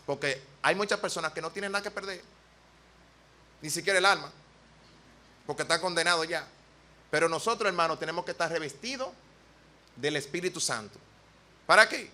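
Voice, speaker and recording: A Dominican man preaches a sermon in church, his voice sitting high and ringing with a bright, forward edge. He talks earnestly and plainly, slipping into homely personal stories to make his point. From Dominican Republic.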